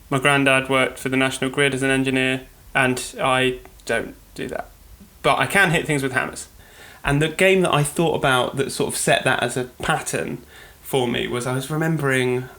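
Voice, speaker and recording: A man's voice: medium pitch, gravelly, bright, forceful tone. Chatty British man, podcast co-host, rambling delivery with frequent self-corrections, mid-range voice. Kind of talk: casual podcast monologue.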